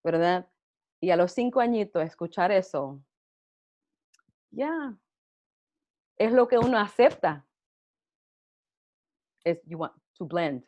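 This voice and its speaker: Speaking slowly and pausing often, a middle-aged woman from Puerto Rico tells casual stories from her life in an interview, laughing a great deal. Her fairly low voice is warm and expressive, with a Puerto Rican Spanish accent. The recording is dull and lo-fi.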